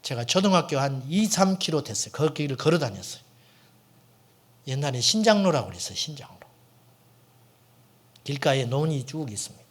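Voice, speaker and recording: A middle-aged man, a senior pastor, preaching a sermon in a church with dramatic storytelling that swings between loud and hushed. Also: on the high side. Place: church sanctuary.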